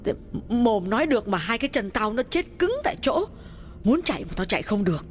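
A man voicing a frightened middle-aged village mistress who speaks in a shaky, hushed way to her servant. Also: high voice, very animated, normal speed, slight background noise, pitched above the performer's own voice. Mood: terrified.

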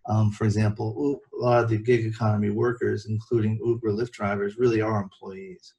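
A man on a casual panel discussion, explaining legal issues in a halting way, with many fillers and restarts. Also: fairly low pitch, level tone, mellow, muffled recording. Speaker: lawyer guest.

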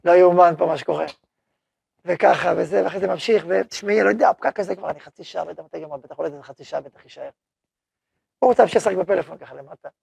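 A man gives a religious lesson to his students in a rough, gravelly voice with a breathy edge. He sits close and dry on the recording, with little room sound. He tells everyday stories, plays both sides of the dialogue, and keeps asking the class questions. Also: sits high, no room sound. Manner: animated storytelling, acting out short dialogues; asks the class questions and answers them. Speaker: yeshiva head teaching a class. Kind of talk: spoken Torah lesson.

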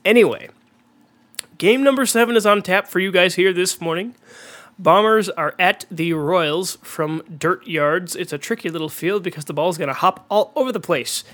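A man's voice: sits high, moderate pace. Congested young man calling a game. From Minnesota. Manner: excitable, chatty, clears throat often. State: congested from a cold. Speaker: host and play-by-play announcer. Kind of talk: amateur sports commentary on a video game.

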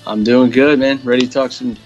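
A man co-hosting a casual podcast, talking in a laid-back, halting way with many fillers. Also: medium pitch, steady tone, darkish tone, soft background music. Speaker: podcast co-host. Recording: dry, dull lo-fi audio.

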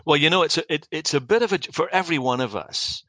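A man's voice: a little high, quick pace, a bit bright, no echo, low-quality recording. A middle-aged man with a Scottish accent, a business founder telling his story in an interview in a wry, reflective, anecdotal way with frequent restarts. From Scotland.

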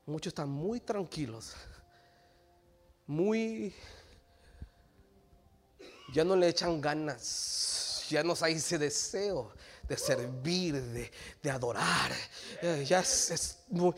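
A male pastor preaching a sermon, swinging between low quiet passages and shouted climaxes, acting out quoted dialogue, with frequent restarts on words. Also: takes it slowly, pauses often. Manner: stumbles and restarts on words, switches briefly to English.

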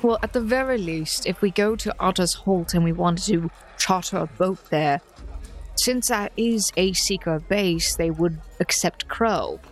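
A woman playing her character in a tabletop game, dry and deadpan. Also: lowish voice, a little slow. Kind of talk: in-character tabletop role-play.

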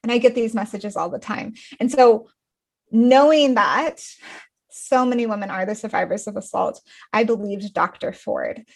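A woman's voice: a little high, moderate pace. Earnest woman author telling her story. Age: 30s. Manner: earnest, emotional, many restarts and fillers. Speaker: guest author. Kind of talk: podcast interview storytelling.

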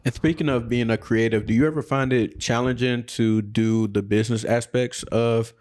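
A man co-hosting a podcast interview, asking questions in a relaxed, conversational way. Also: mid-range voice, normal speed. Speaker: podcast co-host. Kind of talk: casual interview. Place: guest's photography studio.

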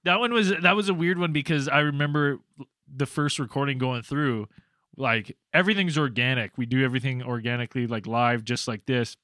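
A man's voice: mid-range voice, fairly quick, bright, forceful tone, no room sound, studio quality. A man co-hosting a podcast, chatting casually and laughing along, loose and profane. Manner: laughing, loose, swears freely. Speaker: podcast co-host. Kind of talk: casual chat.

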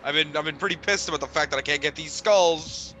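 A man's voice: on the high side, quick pace, bright, forceful tone, soft background music. A man voicing a laid-back male blood god who talks in casual slang. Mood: grudging.

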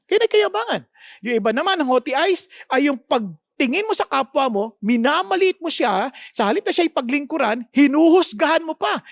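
For a podcast, a woman from the Philippines with a Filipino accent preaches in a blend of Tagalog and English, putting rhetorical questions to listeners and emphatically explaining words. Her voice is high-pitched, with studio quality and no room sound.

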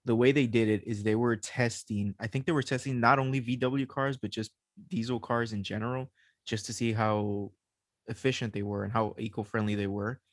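A man's voice: fairly low pitch, fairly even intonation, a little fast, no echo, studio quality. A man hosting a casual podcast chat, loose and swearing, laughing as he explains. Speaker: podcast host.

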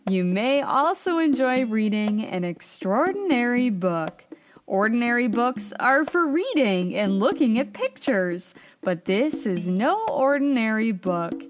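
A woman narrating a children's story in an expressive, animated way. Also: fairly high pitch.

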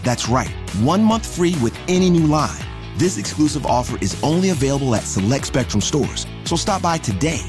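A man's voice: fairly high pitch, big pitch swings, normal speed, music in the background. A man reading a scripted radio ad in an upbeat promotional way. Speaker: ad announcer.

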